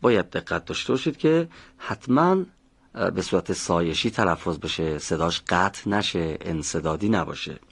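A man's voice: low-pitched, animated, vocal fry, fairly bright tone, slightly rough. A man teaching the pronunciation of Arabic letters in a recorded lesson, methodically explaining mouth positions step by step and calling on students. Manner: models sounds slowly and calls on students.

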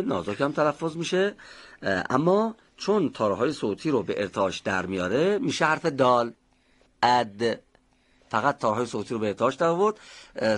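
A man teaching a pronunciation class, patiently explaining how each sound is made and calling on students by name. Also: mid-range voice.

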